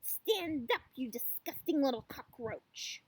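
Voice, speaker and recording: A woman's voice: high-pitched, animated, slow pace, breathy edge, no room sound, exaggerated voice, poor audio. A woman voicing a furious, tyrannical headmistress who loathes children, haranguing and menacing, in a storybook reading. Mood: barking fury. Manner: haranguing, barking, grandly menacing.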